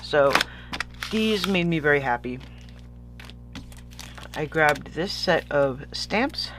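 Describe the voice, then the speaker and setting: A man with a slightly high voice and a sniffly sound chats casually through an unboxing. He rambles and loses his thread easily. The recording has a noticeable noisy hum. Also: animated, slow pace, fairly bright tone. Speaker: vlogger showing stationery purchases.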